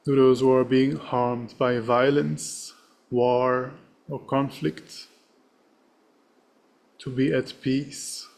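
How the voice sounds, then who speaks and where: A man leading a guided meditation as its teacher, speaking in a serene, gentle and measured manner. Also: mid-range voice, little pitch movement, creaky.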